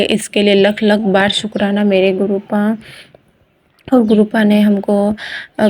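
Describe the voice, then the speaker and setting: A woman sharing a devotional testimony with the congregation, halting often, starting sentences over and chanting mantras. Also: medium pitch, dark tone. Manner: halting, with many fillers and restarts, addressing the congregation.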